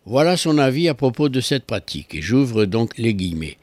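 Lively ironic male radio columnist. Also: mid-range voice, moderate pace, no room sound. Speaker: consumer affairs columnist.

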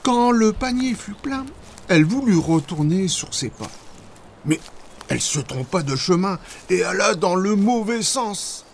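A man's voice: high voice, a little slow, a little hiss or hum. Man reading a children's story dramatically. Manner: expressive, dramatic read-aloud. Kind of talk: scripted storybook narration.

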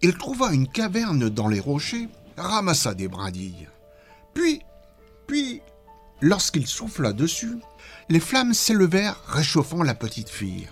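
A man narrating a children's storybook in an expressive, dramatic read-aloud manner. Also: a little high, moderate pace, husky, faint music behind.

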